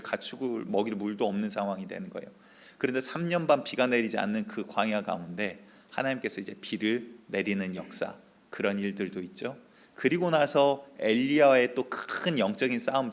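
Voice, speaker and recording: A male pastor preaching a sermon, telling a Bible story conversationally with rhetorical questions to the congregation. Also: medium pitch. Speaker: senior pastor.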